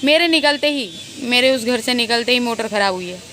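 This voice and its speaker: Gloating woman vlogger, fairly high voice. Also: lively intonation, fairly quick, fairly bright tone, a little hiss or hum. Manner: gloating, laughing often, talks to viewers directly. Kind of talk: casual vlog monologue. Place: outdoors, open weather around.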